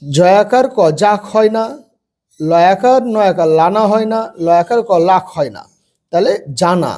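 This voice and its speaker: A man with a high voice takes a spelling lesson for young children. He spells each word letter by letter and then says it slowly and drawn out, like a patient teacher. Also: expressive, darkish tone.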